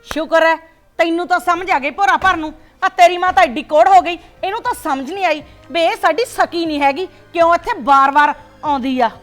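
A bitter, domineering grandmother who rules her house with sarcasm and scolding, played by a woman. Her voice sits high and cutting. Faint music runs behind her in this short drama film. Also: brisk. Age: older. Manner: scolding, sharp-tongued, sarcastic.

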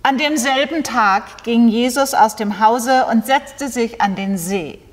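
A middle-aged woman pastor leading liturgical prayers and readings in a slow, measured delivery. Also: fairly high pitch. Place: small brick-walled chapel, indoors. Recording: long reverb in a chapel.

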